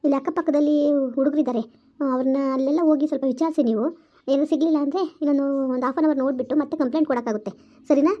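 A woman voicing a brisk, matter-of-fact village anganwadi teacher, recorded with dull lo-fi sound. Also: high voice, steady tone, lightly acted. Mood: reassuring.

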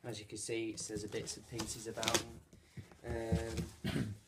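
A young British man hosts an unboxing vlog from a carpeted living room, chatting to camera unscripted in a lowish, completely flat, unhurried voice. The camera sits a short distance away, and the home recording is noisy, with clicks.

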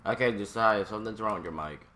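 A gamer recording a let's play talks casually in a low but bright voice, speaking fast with a forceful tone. He sounds exasperated and keeps complaining. His home gaming mic picks up a lot of noise.

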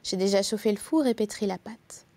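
A woman's voice: mid-range voice, a little fast, mellow, lightly acted. A woman voicing a wicked, greedy old witch who eats children, speaking sardonically. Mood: scornful. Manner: sneering, sardonic.

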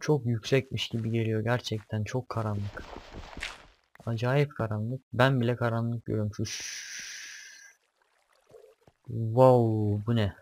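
A man's voice: medium pitch, fairly even intonation, measured pace, pauses often, darkish tone, slight background noise. A young man doing casual let's-play commentary, talking to himself as he explores, swearing and jumpy at scares. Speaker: gaming YouTuber.

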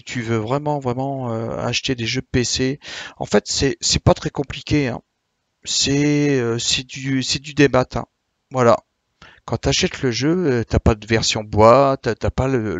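A man streaming live, chatting casually with viewers, a bit tired, explaining slowly with many hesitations. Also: mid-range voice, no echo. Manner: hesitant, many "euh" and restarts, friendly explaining. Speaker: Twitch streamer.

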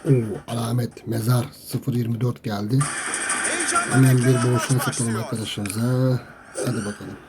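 Guy commentating his mobile game, complaining and trash-talking, mid-pitched voice, loud game music under him. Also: fairly even intonation, normal speed, low-quality recording. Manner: chatty, grumbling, trash-talks opponents. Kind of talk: gameplay commentary to viewers.

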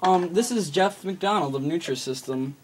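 This prank call comes from a young American man, teen to young adult, whose high-pitched, animated voice sounds casual and halting as he improvises. The noisy, clicky phone video was shot at arm's length on a camera phone while he sat at a desk in a small room.

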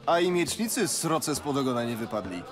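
An actor playing a hearty, talkative middle-aged innkeeper in a fantasy game, earthy and folksy. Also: male voice, medium pitch, big pitch swings, moderate pace, over music, lightly acted. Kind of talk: fantasy video game voice acting.

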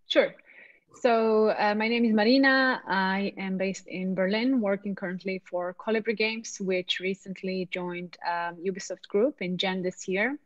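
A woman's voice: medium pitch, steady tone, unhurried, no room sound. Woman from Serbia on a muffled call. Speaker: recruiting lead, panelist.

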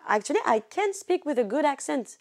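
A woman's voice: high voice, big pitch swings, brisk. French lady guest on a podcast, hesitant, keeps restarting, reaching for english words. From France. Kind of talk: casual chat.

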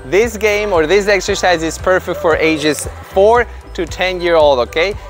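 A man's voice: high-pitched, measured pace, faint music behind. Upbeat man coaching kids at tennis. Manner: upbeat and encouraging, calling out commands to children. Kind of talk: instructional video narration. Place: large indoor tennis court.

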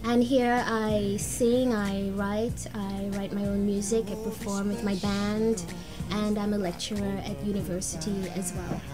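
A woman's voice: mid-range voice, flat delivery, unhurried. A woman from Trinidad and Tobago, a singer guest on a radio talk show, speaking in an articulate, flowing way. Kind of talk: casual talk show self-introduction. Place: small radio studio. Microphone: studio mic with headphones. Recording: music playing in the background.

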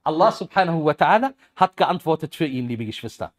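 A man in his thirties giving a lively sermon on a headset mic, swinging between loud bursts and quiet asides. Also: a little high, brisk. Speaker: preacher.

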